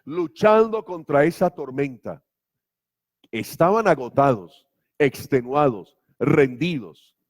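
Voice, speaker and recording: A man's voice: a little high, lively intonation, takes it slowly. Emphatic male pastor preaching. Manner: emphatic, rhetorical questions. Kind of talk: sermon. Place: church.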